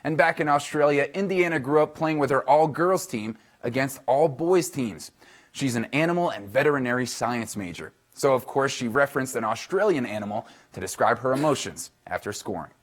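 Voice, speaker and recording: A male sports reporter delivering a scripted local news segment. His voice sits at a middle pitch for a man, and he reads briskly and cheerfully, keeping scores and stats moving along. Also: animated.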